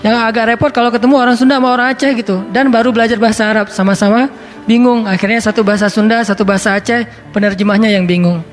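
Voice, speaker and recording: A man with a strikingly high voice delivers a relaxed, chatty sermon, talking like he is among friends. He weaves recited scripture into the talk, with soft music faint in the background. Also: racing. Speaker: preacher. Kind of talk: casual sermon.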